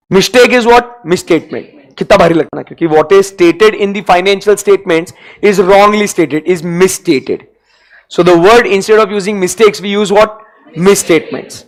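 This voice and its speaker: A man giving a classroom lecture, chatty, mixing Hindi and English, acting out little dialogues and checking that students understood. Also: high voice. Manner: acts out dialogues and jokes with students. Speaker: teacher.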